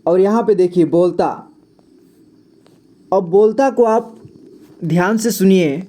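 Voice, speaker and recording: A man leads a casual spoken reading lesson at a slow, patient pace. His voice is very dark and mellow. He says each word again and again, spells it letter by letter and keeps checking in with a quick "okay.". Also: sits high. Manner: patient, repeats words and spells them letter by letter; fills gaps with a frequent 'okay'. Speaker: teacher.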